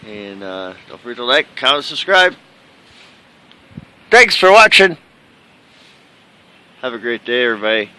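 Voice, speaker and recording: A man's voice: mid-range voice, animated, quick pace, few pauses, pushed and bright, clear, resonant tone. A middle-aged man chatting casually and jokily as a vlog host, outside on a windy day. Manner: jokey, crude humor.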